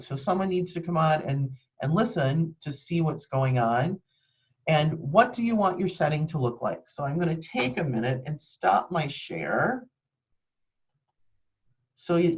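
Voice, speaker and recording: A woman's voice: sits low, highs cut off. A woman leading a live video-call training from her home office, explaining things practically with frequent ums. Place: home office with green screen. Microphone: webcam microphone.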